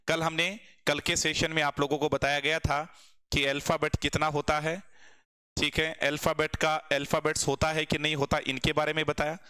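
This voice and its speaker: Male online tutor, bright and crisp voice, quizzes his class and answers himself. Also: fairly high pitch. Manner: addresses students as friends, asks and answers his own questions. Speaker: teacher. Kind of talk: online exam-prep lesson.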